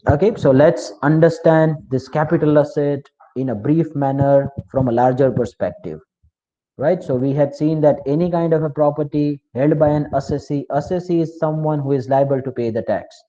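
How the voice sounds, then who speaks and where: Indian English male lecturer, warm higher voice, repeats key terms, quizzes the class, lo-fi call audio. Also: normal speed. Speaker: tax law lecturer. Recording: slightly dull, lo-fi.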